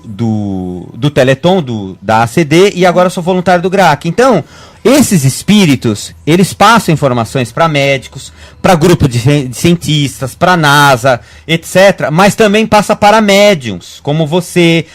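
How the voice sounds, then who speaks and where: A Brazilian man talking quickly, with many stops and restarts as thoughts pile up. His voice sits a little high for a man. He speaks as a guest on a casual web radio talk show. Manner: fast, rambling, frequent restarts. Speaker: guest medium.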